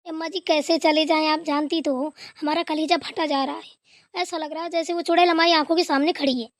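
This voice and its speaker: Brief: woman doing whiny scared young bahu, high voice, dry close mic. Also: steady tone, fairly quick, no echo, natural voice. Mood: pleading. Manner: whiny pleading. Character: frightened young daughter-in-law, pleading.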